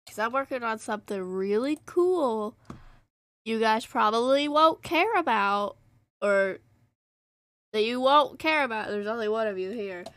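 A woman's voice: on the high side, fairly bright tone, no echo. A young woman streaming a game live from home into a close desk mic, chatting in a rambling, self-interrupting way and humming nonsense tunes. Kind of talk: casual live-stream chat over gameplay.

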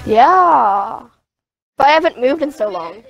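A woman's voice: high voice, very animated, slow, vocal fry, a bit bright, a little hiss or hum. A woman in casual gaming chat with friends, giggly and playfully defensive, laughing often between lines. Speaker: gamer.

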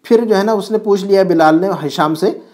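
A man's voice: high voice, brisk, darkish tone. A man teaching an Arabic class from home, explaining each phrase patiently and quizzing his student.

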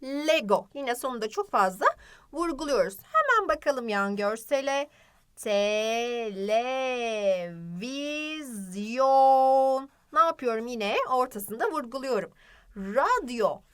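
A young woman teaching a children's phonics lesson, drawing out words and asking the class questions in a lively, sing-song way. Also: sits high, normal speed. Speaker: primary school teacher.

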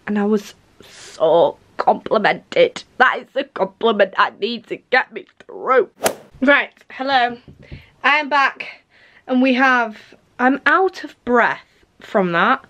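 A woman's voice: fairly high pitch, lively intonation, slow, fairly bright tone. Chatty self-mocking young woman. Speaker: vlogger. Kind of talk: casual chat to camera. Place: at home, indoors.

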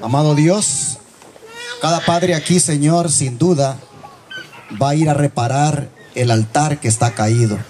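A middle-aged man prays aloud in church, earnest and reflective. His voice sits a little high for a man, and he speaks steadily. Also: unhurried, a little mellow. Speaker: church member leading prayer. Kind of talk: spoken prayer.

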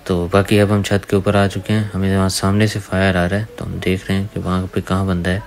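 A man's voice: low-pitched, monotone, brisk, vocal fry. A man giving casual gameplay voice-over commentary, talking to viewers as brothers. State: dry throat from talking. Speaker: gaming YouTuber. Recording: faint gunfire under the voice.

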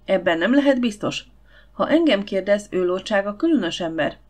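A woman's voice: medium pitch, animated, darkish tone, lightly acted. A woman voicing a bossy, outspoken older housekeeper in an audiobook, talking bluntly and grumbling.

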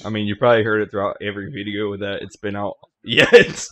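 A man hosting a video game session, chatting casually, laughing often and shouting at the screen. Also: fairly low pitch, fairly even intonation, a little fast. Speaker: let's play host. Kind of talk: casual gameplay commentary.

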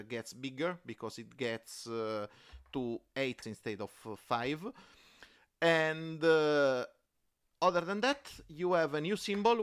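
Man with a smooth, resonant voice. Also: medium pitch, fairly bright tone. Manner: halting, many fillers and restarts. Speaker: podcast co-host. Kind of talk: casual board game chat.

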